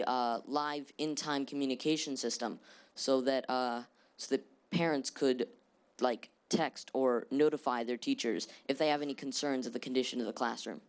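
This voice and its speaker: A man's voice: medium pitch, smooth. A male presenter at a mock school board meeting, answering questions confidently but with many "uh"s. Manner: confident, hesitant fillers, many "uh"s.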